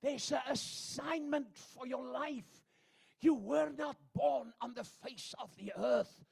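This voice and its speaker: An older man from Zambia preaching a sermon, swinging from hushed asides to loud shouted proclamations. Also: very high voice, slow, vocal fry, slightly rough. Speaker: pastor.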